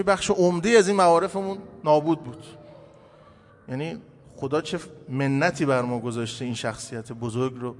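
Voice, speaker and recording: Impassioned preacher in a reverberant hall. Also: male voice, a little hiss or hum. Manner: impassioned, builds to loud emphatic peaks then drops low. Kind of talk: sermon. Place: shrine hall beside a tomb.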